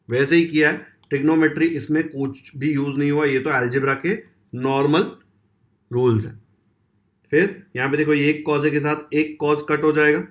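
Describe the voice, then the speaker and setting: Man teaching maths step by step. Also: mid-range voice. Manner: informal, talks straight to students, walks them through each written step.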